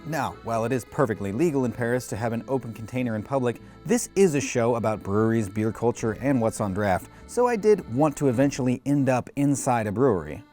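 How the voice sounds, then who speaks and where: A man's voice: mid-range voice, animated, fairly quick, few pauses, darkish tone, soft background music. A man hosting a travel show, reading scripted voice-over with dry, tongue-in-cheek humor. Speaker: host and narrator.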